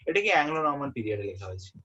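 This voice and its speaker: A young man tutoring a student for an exam in a relaxed way. He often checks that the student is following and repeats the key terms. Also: mid-range voice, very fast, a little hiss or hum. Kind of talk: informal exam-prep lesson. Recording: muffled lo-fi audio.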